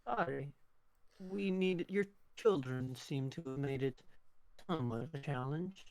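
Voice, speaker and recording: Dude playing an rpg, gravelly voice, jokey and eager. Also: male voice, a little high, a little slow, a little mellow. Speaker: player. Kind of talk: casual tabletop play.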